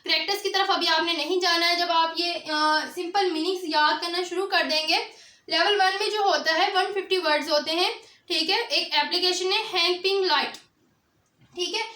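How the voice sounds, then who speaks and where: A woman teaching a beginner language lecture, explaining step by step and pausing often to check in with students. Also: very high voice, fairly even intonation, pushed and bright, roomy sound. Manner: explanatory, often adds a check-in filler after each point.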